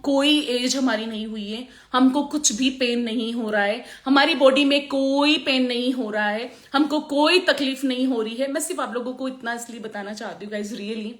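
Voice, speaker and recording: A woman makeup artist chatting on a live stream, with a sore throat, animated and laughing often. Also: high voice, reverberant. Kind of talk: motivational live chat.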